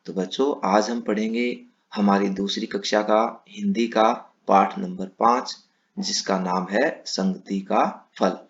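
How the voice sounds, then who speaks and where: Male teacher, slow children's read-aloud, low-pitched. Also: steady tone. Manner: warm, slow, explaining to children. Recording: dull lo-fi recording.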